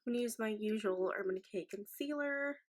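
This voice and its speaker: A woman's voice: on the high side, fairly quick. A tipsy woman in her twenties chatting casually to camera as a beauty vlogger, with informal, slangy delivery. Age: 20s. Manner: informal, sweary, effusive slang. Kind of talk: casual makeup tutorial chat to camera.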